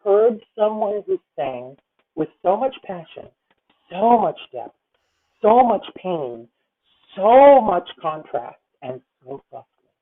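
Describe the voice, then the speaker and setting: Slow and sing-song, a medium-pitched woman's voice comes through tinny video call audio. She is a voice teacher in her fifties giving masterclass coaching, gushing and rambling while calling the singer honey.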